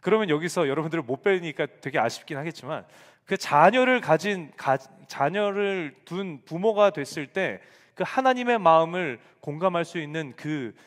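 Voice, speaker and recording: Preaching to a young-adult audience in a church sanctuary, this male pastor in his forties relates a family story and dramatizes the lines he quotes. His voice is a little high and lively, at a moderate pace with hardly any pauses, captured in a reverberant hall.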